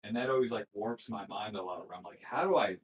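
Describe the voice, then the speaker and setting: A man coaching a video game in casual chat, joking, swearing and mocking players, then explaining moves in quick, plain steps. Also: fairly low pitch, poor audio. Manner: profane, joking, mocking impressions. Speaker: gaming coach and streamer.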